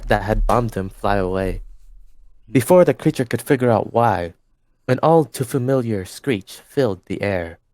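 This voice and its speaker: A young man hosting a group reading, narrating fan fiction aloud in a steady voice with small slips and corrections, on a home mic over a voice call. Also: lowish voice, no room sound. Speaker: host and narrator.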